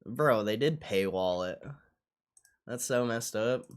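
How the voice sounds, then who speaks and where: Speaking slowly in a clean, medium-pitched voice, a young man chats on a livestream and reacts to what's on screen. The talk is casual, slangy and sweary, with frequent repeated phrases.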